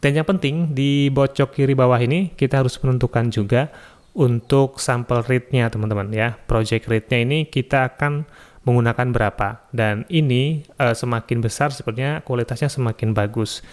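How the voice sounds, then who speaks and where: A man hosting a screen-recorded software tutorial, explaining each step calmly and adding "ya" and "eh" often, recorded on a studio microphone. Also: medium pitch, normal speed. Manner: relaxed step-by-step explaining with frequent "ya" and "eh". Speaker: YouTube tutorial host. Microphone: studio mic through an audio interface.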